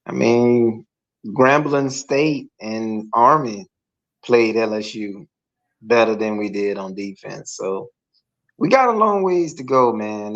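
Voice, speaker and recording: Slow, blunt man on a dull call line. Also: mid-range voice. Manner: plain-spoken, frank, repeats his points. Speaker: guest co-host. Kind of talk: casual sports chat. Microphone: video call.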